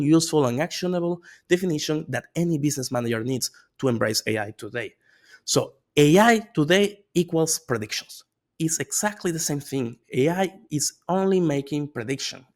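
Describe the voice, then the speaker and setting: A Venezuelan AI consultant whose first language is Spanish presents a course in an informal online lecture. His gravelly voice sits a little high, and he's energetic and conversational, tagging lines with "okay?" and "right?" often.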